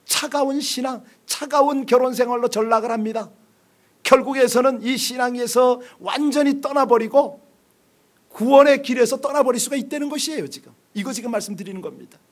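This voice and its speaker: High-voiced pastor preaching with urging questions. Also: male voice, fairly quick. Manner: preaching with repeated rhetorical questions; swings between quiet, low asides and loud, pressing emphasis. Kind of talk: sermon. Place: church sanctuary.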